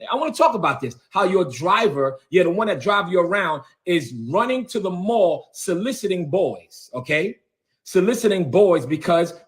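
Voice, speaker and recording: A man, a bishop, ranting confrontationally on his own livestream, repeating himself and calling people out. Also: sits high. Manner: confrontational, repetitive, heated. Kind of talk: livestream rant. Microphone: phone or webcam on a livestream.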